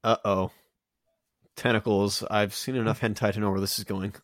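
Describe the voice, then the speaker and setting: A man's voice: fairly low pitch, level tone, normal speed, dry recording, clean studio sound. A man giving casual film commentary among friends, tossing in wry wisecracks.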